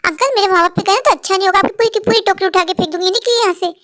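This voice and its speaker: A woman voicing a cartoon schoolgirl daughter who snaps quickly and sharply, then grows remorseful. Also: extremely high pitch, a bit bright, dry recording, clean studio sound. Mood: rude. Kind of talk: cartoon voice acting.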